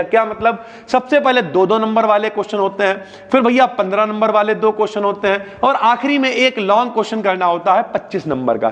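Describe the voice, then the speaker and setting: A young man with a North Indian Hindi accent gives a casual exam revision lesson, calling students brother and using homely examples. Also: long reverb tail. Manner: chatty, addresses students as bhaiya, homely examples, drops pitch on asides. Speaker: exam-prep teacher.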